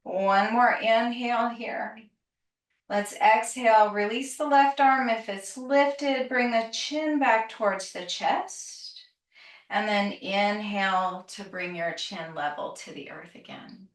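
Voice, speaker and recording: In a roomy space, a little far from the microphone, a woman leads a calm grounding exercise as a yoga teacher. She gives breath and movement cues very slowly, in a gentle, soothing manner at a medium pitch. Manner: gentle, soothing, unhurried instruction. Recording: roomy echo, distant microphone.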